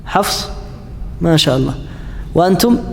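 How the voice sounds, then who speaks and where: A man's voice: on the high side, expressive, gravelly, a little hiss or hum. Hesitant male lecturer in a reverberant hall. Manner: halting, frequent fillers and restarts, chats with students. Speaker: Islamic studies lecturer. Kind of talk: classroom lecture with students.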